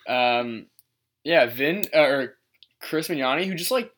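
A young man co-hosting a podcast, cracking jokes and telling animated stories in a casual way. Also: mid-range voice, unhurried. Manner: joking, animated storyteller. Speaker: podcast co-host. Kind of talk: casual chat.

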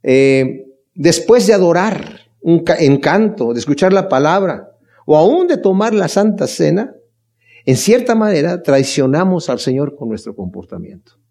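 Leading a Bible study, a pastor preaches earnestly and with emphasis, putting rhetorical questions to his listeners and addressing them fondly. His voice sits a little high, swinging widely in pitch, and he speaks unhurriedly with a warm tone.

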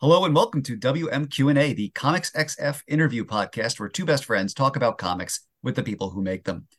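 A man's voice: medium pitch, fairly quick, fairly bright tone. A man co-hosting a comics interview podcast, friendly and laughing along with his guest. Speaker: podcast co-host.

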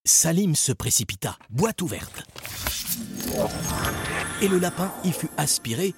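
A man's voice: fairly high pitch, sing-song, unhurried. A man narrating a children's adventure story expressively. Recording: story narration over loud music.

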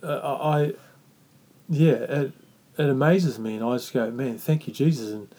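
A man with a New Zealand Māori accent hosting a reflective faith talk, speaking earnestly and haltingly with repeated phrases. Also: mid-range voice, dark tone. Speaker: podcast host.

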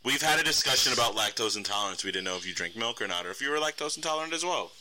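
Fast-talking stumbling man. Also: mid-range voice, expressive, heavy background noise. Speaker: podcast co-host.

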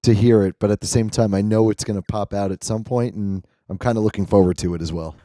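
A man's voice: fairly low pitch, steady tone, fast, warm tone, no echo, clean studio sound. A man co-hosting a podcast in casual chat, agreeable and easygoing. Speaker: podcast co-host.

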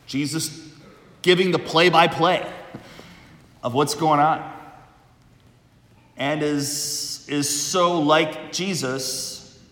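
Slow-speaking male preacher in cathedral echo. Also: on the high side, fairly even intonation, fairly bright tone. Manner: measured, deliberate phrasing with pauses. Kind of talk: liturgical Gospel reading and homily. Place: large reverberant church interior. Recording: echoey church with long cathedral-like reverb.

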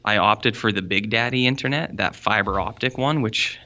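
A man's voice: on the low side, normal speed, bright, forceful tone, highs cut off. A man chatting casually as a podcast co-host, joking and slangy, sounding like he's inside a fishbowl in a borrowed room. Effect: boxy fishbowl-like room sound.

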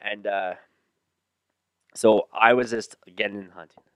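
Low-voiced, clear Canadian bro telling stories. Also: male voice, fairly even intonation, unhurried, dry recording, clean studio sound. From Ontario, Canada. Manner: slangy, bro-like storytelling with hyperbole. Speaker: podcast co-host. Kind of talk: casual hunting chat.

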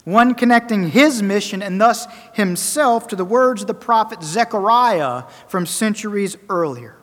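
A man preaching a sermon, emphatic and rhetorical, repeating phrases for effect and swinging between loud and soft. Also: sits high. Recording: long reverberant hall.

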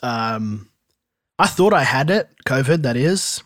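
Man hosting with lively, unscripted chat. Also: medium pitch, slow pace, no echo, clean studio sound. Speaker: podcast host. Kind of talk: natural unscripted casual banter.

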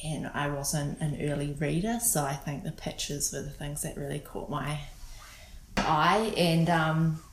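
A woman with a New Zealand accent, talking casually in an interview, relaxed and hesitant with many ums and restarts. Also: sits low, a little slow, echoey room, poor audio. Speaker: guest photographer.

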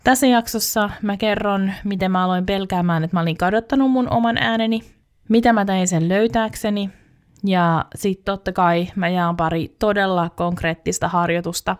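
A woman's voice: fairly low pitch, smooth. A woman hosting a podcast, speaking in a reflective scripted monologue that addresses the listener directly. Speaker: podcast host.

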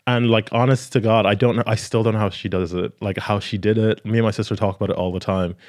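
A man's voice: on the low side, fairly even intonation, quick pace. A man in his thirties, an interview guest telling personal stories informally, often acting out quoted speech. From Ireland, raised in Kerry and Mullingar from age ten. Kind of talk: casual personal storytelling.

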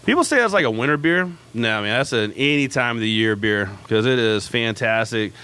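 A man hosts a live radio show from a pub in a bright, forceful voice with a crisp, resonant tone. He talks casually and pokes fun at himself, with lots of "uh"s. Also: medium pitch, expressive, fairly quick. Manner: chatty, self-mocking, frequent fillers.

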